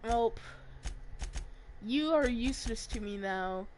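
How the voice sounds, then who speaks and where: A woman's voice: fairly high pitch, expressive, slow pace, darkish tone, a little hiss or hum. Sarcastic young woman gaming. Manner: sarcastic, profane, talks back to characters. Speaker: gaming streamer. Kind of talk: casual let's-play commentary.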